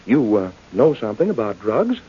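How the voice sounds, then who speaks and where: An actor playing a coolly polite, menacing doctor who is a murderer, in old-time radio crime drama style, probing with insinuating hesitations. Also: male voice, fairly low pitch, sing-song, normal speed, breathy edge. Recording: dull, lo-fi old radio recording.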